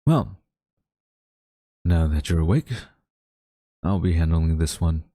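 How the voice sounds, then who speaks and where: Here the haughty, wistful government agent is voiced by a man with a deep, mellow tone, smugly taunting a captured former friend in a deliberate, theatrical manner for an audio roleplay. It is studio quality with no echo.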